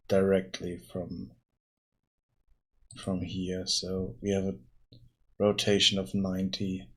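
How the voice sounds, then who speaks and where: A tired man casually thinking aloud while working on his game during a live stream, pausing and restarting often. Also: sits low, a bit bright. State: tired, yawning.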